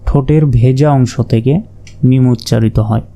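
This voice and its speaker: A man teaching Quran reading, slowly naming and repeating each Arabic letter and explaining how to pronounce it. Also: mid-range voice, fairly even intonation, gravelly, warm tone. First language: Bengali. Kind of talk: slow letter-by-letter pronunciation lesson.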